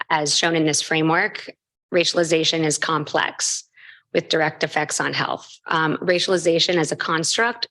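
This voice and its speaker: A woman's voice: sits low, a bit bright. A woman researcher presenting a study in a formal, scripted academic style, occasionally stumbling over a word.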